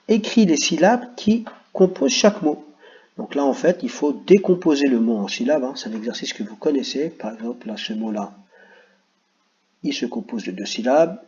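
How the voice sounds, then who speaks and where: A man's voice: medium pitch, darkish tone, muffled recording. A man teaching young children, patiently walking them through worksheet exercises and speaking to them directly. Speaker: primary school teacher.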